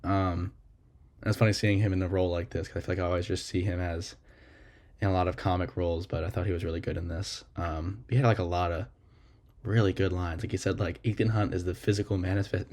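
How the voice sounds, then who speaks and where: A man's voice: sits low, fairly even intonation, fast, darkish tone. A young man rambling casually and gushingly through a film review, full of fillers.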